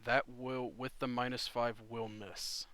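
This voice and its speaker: A man acting as game master, calmly calling out rules, rolls and saving throws. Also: mid-range voice, takes it slowly. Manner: calm, matter-of-fact rulings. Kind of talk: running a tabletop game.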